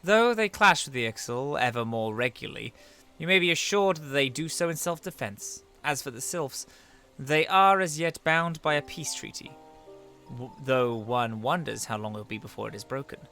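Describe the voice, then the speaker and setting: Streamer guy as a formal young scholar, read off the screen, bright timbre. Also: mid-range voice, lively intonation, moderate pace, faint music behind. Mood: earnest. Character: earnest young male scholar, read aloud. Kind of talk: reading game dialogue aloud.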